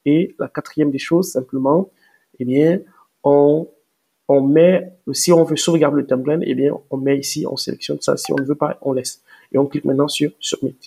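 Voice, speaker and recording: Guy doing a screen tutorial, keeps hesitating and restarting, gravelly husky voice, kinda dark tone. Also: fairly high pitch, fairly even intonation, moderate pace. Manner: hesitant, many fillers and restarts; explains step by step, addressing viewers directly. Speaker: tutorial presenter. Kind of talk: screen-recorded software tutorial.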